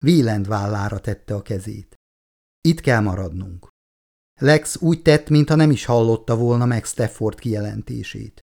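A man narrating an audiobook in a measured, even reading. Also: on the low side, creaky. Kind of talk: scripted narration.

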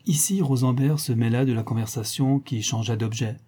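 A man narrating a classic novel as an audiobook in an even, measured storytelling manner. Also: medium pitch, breathy edge. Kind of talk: literary audiobook reading.

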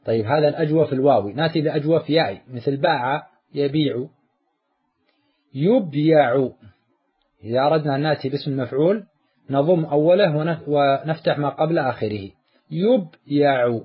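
A man teaching a morphology lesson, explaining step by step and slowly drawing out each example word. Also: a little high, slightly rough, highs cut off.

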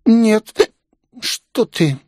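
A man's voice: high-pitched, animated, drawn-out words, a little mellow, no echo, clean studio sound, voice pushed up, full character voice. A man doing a tipsy, clingy young girl. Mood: pleading, tipsy. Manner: drunkenly affectionate, pouty. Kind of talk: audiobook character voice.

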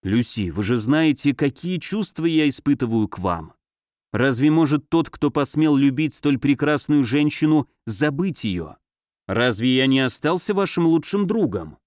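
A man voicing a passionate baron, speaking slowly in a gentle, coaxing way. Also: medium pitch, animated, no room sound, studio quality, natural voice. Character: ardent male baron, tender and passionate suitor.

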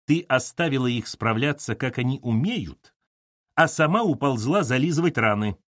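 An older mother, stern and commanding, lecturing firmly, as a male narrator puts her on. The pitch moves with animated inflection, recorded dry and close. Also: moderate pace, no echo, close to an everyday voice. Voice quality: stern, authoritative.

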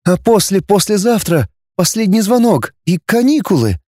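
A man voicing a timid teenage schoolgirl who speaks softly and plaintively. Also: medium pitch, very animated, moderate pace, dry recording, studio quality, pitched above the performer's own voice. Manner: soft, plaintive.

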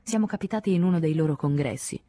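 A woman's voice: low-pitched, fast, mellow, dry recording. A woman reading the part of a tired, brooding man in an audiobook, answering in terse, curt replies.

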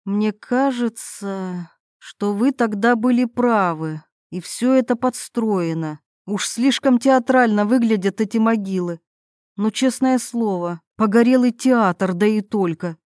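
Female narrator voicing an exhausted lost woman, pleading tone, mid pitch, dry sound. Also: unhurried, a little mellow, dry recording, close to an everyday voice. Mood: weary. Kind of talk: audiobook character reading.

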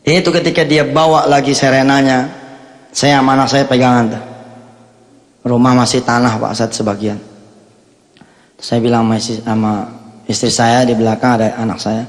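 A man preaching a lively, jokey sermon, telling stories and acting out the voices of the people in them. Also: medium pitch, moderate pace, long pauses. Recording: long hall reverb.

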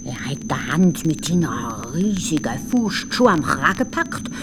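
A woman with a Swiss German accent telling a fairy tale in an expressive, animated way. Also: low voice, unhurried, background noise. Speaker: storyteller.

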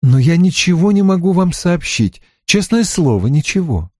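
Guy doing a scared young woman, soft and high. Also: big pitch swings, moderate pace, husky, no echo, clean studio sound. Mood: frightened. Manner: soft, nervous. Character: frightened young woman, quiet.

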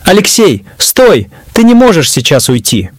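A man's voice: high-pitched, huge pitch swings, unhurried, slightly rough, no echo, clean studio sound, exaggerated voice. Brief: male narrator doing a firm, commanding woman stepping in to restore order. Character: firm adult woman on a yacht crew.

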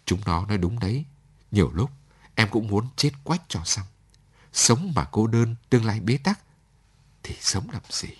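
A man's voice: lowish voice, animated, normal speed, husky. A man reading a story aloud, voicing a lonely young woman who pleads through tears and then turns firm. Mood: pleading.

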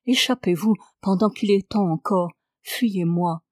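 A calm, sorrowful English lord with second sight speaks softly and gravely, voiced by a woman narrator. The pitch sits in a middle range. The sound is close and dry. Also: measured pace, no room sound, natural voice. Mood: gentle, grave. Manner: soft, gentle and grave.

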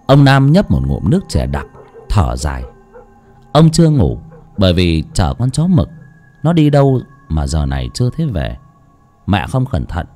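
A man reading a story aloud as an audiobook narrator, in an expressive, dramatic way. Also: lowish voice.

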